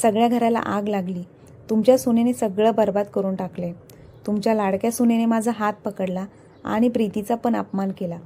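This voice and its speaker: A woman's voice: medium pitch, mellow, lightly acted. A woman voicing a domineering, quarrelsome middle-aged mother-in-law who scolds and complains. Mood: furious.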